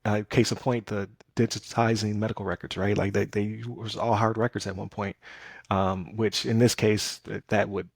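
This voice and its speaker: A man hosts a casual podcast, talking things through loosely with lots of fillers and restarts. His fairly low voice is creaky and slightly rough, with little pitch movement and a normal speed, in a dry recording.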